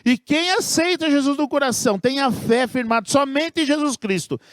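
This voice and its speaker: A pastor preaching a sermon in an earnest, emphatic way, slowing down to stress key phrases. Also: male voice, very high-pitched, fairly bright tone, no echo, clean studio sound.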